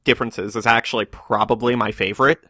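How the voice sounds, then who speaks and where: A man's voice: mid-range voice, fairly even intonation, quick pace, pushed and bright, no room sound. A man hosting a casual podcast, explaining facts with small restarts. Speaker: podcast host.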